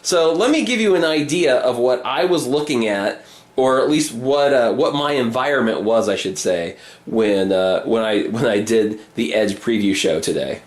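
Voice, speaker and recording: A man speaking as a podcast host in a casual behind-the-scenes vlog, informal and halting, with a self-deprecating manner, recorded in an apartment hallway. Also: medium pitch. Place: hallway of an old high-ceilinged apartment.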